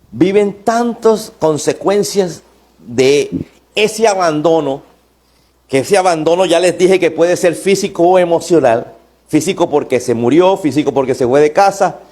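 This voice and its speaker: A male pastor, preaching an impassioned sermon that rises to near shouts. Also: fairly high pitch.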